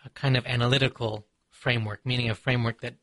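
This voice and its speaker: A man from Seattle, an author and poet being interviewed, who speaks in a measured, reflective way with frequent pauses and ums. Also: medium pitch, level tone, a bit bright, no room sound. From Seattle, USA. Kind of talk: thoughtful conversational interview.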